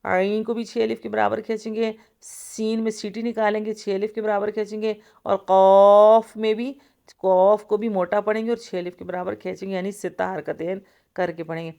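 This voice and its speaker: A woman gives a tajweed lesson, patiently explaining the Quran recitation rules for each letter and stretching out the recited sounds. Her mid-range voice is level, creaky and warm.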